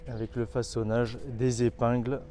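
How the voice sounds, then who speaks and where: A man's voice: medium pitch, flat delivery, moderate pace, dark tone, a little hiss or hum. A man giving an informal on-site walkthrough of a building site, explaining the work with some hesitant fillers. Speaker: construction company guide.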